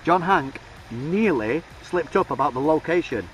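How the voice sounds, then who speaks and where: A man in a casual vlog, talking fast and excitedly about game news. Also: a little high, recorded from a distance, a little hiss or hum, low-quality recording. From United Kingdom. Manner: excitable, enthusiastic, talks fast. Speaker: YouTuber.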